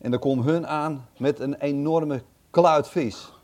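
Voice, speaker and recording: A man's voice: fairly high pitch, takes it slowly, a little mellow. A man reading a Bible passage aloud and commenting on it casually, thinking aloud with hesitant, chatty asides. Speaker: Bible teacher.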